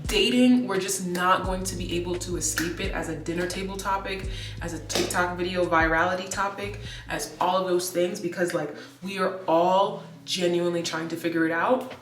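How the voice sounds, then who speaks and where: A woman in her late twenties with a lowish voice rambles through a casual vlog chat, peppering her thoughts with "like" and doubling back mid-sentence. She sounds set back from the mic in an echoey room. Faint music plays underneath. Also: fairly even intonation, moderate pace, far from the mic. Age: 20s. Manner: rambling, many "like" fillers and restarts. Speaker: vlogger.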